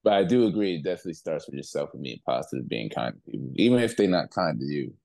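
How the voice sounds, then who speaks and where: A man's voice: rumbling low, big pitch swings, quick pace, creaky, darkish tone, no room sound. A young man co-hosting a podcast, telling stories in a laid-back, rambling way with plenty of slang. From outside the US. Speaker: podcast co-host. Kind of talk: casual chat.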